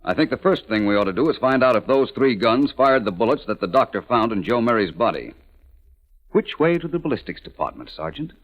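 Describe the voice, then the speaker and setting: An actor playing an urbane, composed, wry private detective in a 1940s AM radio drama. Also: male voice, medium pitch, very animated, fairly quick. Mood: suave, assured. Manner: polished, unruffled, wry. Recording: muffled 1940s AM radio recording.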